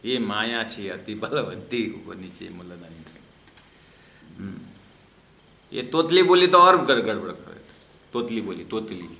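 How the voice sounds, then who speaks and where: Scripture teacher guy, slow and gravelly, tells little stories and acts out the dialogue. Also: lowish voice, expressive, sharp tone. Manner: acts out dialogue in story asides. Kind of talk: Hindi scripture class with storytelling. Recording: roomy echo.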